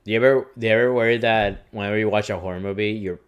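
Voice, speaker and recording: A man's voice: fairly low pitch, fairly even intonation, racing, clear, resonant tone. A young man co-hosting a casual podcast at a bar, talking in laid-back, profane banter with many restarts. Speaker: podcast co-host. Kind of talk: casual chat over beers.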